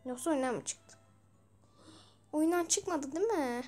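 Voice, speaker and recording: A young woman giving casual, exasperated gameplay commentary with bursts of shouting and swearing. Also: high voice, lively intonation, measured pace, faint music behind. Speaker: gaming video creator.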